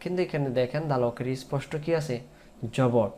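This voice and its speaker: A man teaching Quran recitation, drawing out the verses in a slow chant between spoken explanations. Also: medium pitch, warm tone, slight background noise. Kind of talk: tajweed lesson with chanted recitation.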